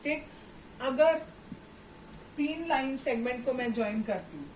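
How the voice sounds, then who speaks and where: Slow-talking woman teacher in an echoey room. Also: high-pitched, animated, a little mellow, recorded from a distance. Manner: patient, explains step by step, often asks "ठीक है" to check understanding. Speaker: maths teacher. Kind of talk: classroom maths lesson at a board. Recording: roomy echo, voice away from the mic, faint background noise.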